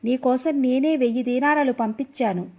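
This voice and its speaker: A woman voicing an angry, deluded young man who shouts orders, believing he is the caliph, in a storybook reading. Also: high voice, normal speed, highs cut off. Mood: furious. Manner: shouting, abusive, commanding.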